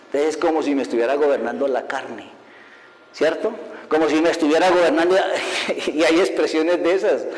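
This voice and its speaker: Guy preaching in a big reverby hall, kinda high voice, keeps asking the crowd questions. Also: normal speed. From Colombia. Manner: lively, asks rhetorical questions, laughs at his own stories. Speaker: evangelist preacher. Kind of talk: sermon. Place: church hall.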